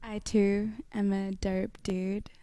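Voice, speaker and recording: Woman on a livestream panel, takes her time, medium pitch, casual. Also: level tone, takes it slowly, warm tone, smooth. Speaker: youth arts panellist. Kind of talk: casual chat.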